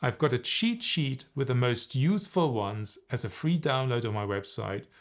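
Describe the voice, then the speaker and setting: A man teaching on camera as a voice and presentation coach. His pitch swings widely as he talks, playful and animated, breaking off to demonstrate humming exercises. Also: normal speed.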